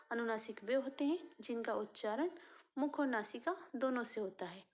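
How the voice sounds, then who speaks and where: High-voiced woman teaching a grammar lesson. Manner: slow, repetitive, asks and answers own questions. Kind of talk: Hindi grammar lecture.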